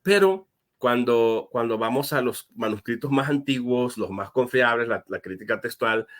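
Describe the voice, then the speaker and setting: A pastor explaining a Bible question as an interview guest, earnest and step by step, with frequent fillers and restarts. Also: male voice, medium pitch, moderate pace, fairly bright tone. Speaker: guest answering viewer questions.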